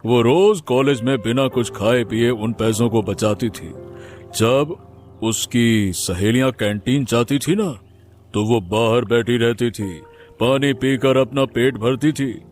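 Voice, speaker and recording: A man voicing a kindly, wise neighbour uncle in an animated story, gentle and consoling. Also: mid-range voice, slow, faint music behind, close to an everyday voice. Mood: earnest. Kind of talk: Hindi cartoon voice acting.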